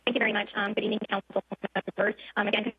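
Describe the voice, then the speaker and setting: A woman calling in to speak at a council meeting, polite and a little halting, her call connection glitchy and breaking up. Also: mid-range voice, level tone, breathy edge, dry recording. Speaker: public commenter calling in. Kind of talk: formal public comment. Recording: tinny dry phone line.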